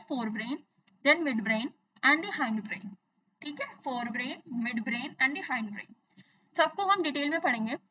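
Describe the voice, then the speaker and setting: Bright high-voiced woman teaching science. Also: far from the mic, dull audio. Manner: explains in Hindi mixed with English, repeats terms, asks and answers own questions. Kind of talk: exam-focused science lesson.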